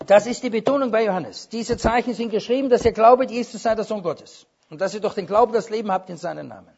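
A man's voice: sits high, fast talker, gravelly, darkish tone, breathy edge. A man preaching a sermon with emphasis, quoting scripture and dropping wry asides. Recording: dull lo-fi sermon recording.

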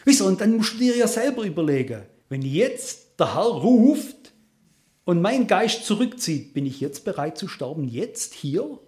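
A man's voice: high voice, very animated, measured pace, a little mellow. A man preaching a sermon, earnest and emphatic, speaking straight to his congregation. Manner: earnest, emphatic, addresses listeners directly.

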